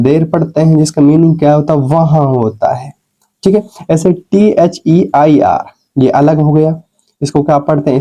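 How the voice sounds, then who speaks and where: A man's voice: medium pitch, mellow, low-quality recording. A man teaching an English lesson, asking and answering his own questions and spelling words out letter by letter. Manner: often adds "theek hai" as a check-in. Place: recorded while scrolling through on-screen notes.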